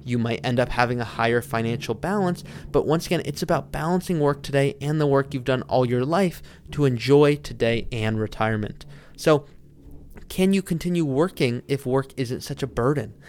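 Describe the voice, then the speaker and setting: A man's voice: medium pitch, normal speed, darkish tone, slight background noise. A man hosting a solo podcast as a financial planner, explaining directly to the listener and posing rhetorical questions. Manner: poses rhetorical questions and answers them.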